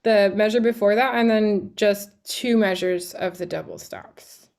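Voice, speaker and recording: A Canadian music teacher works with a string student in a studio class, chatty and encouraging, singing out passages and using lots of fillers. Her mid-range voice is gravelly and a little mellow, and her pace is a little slow.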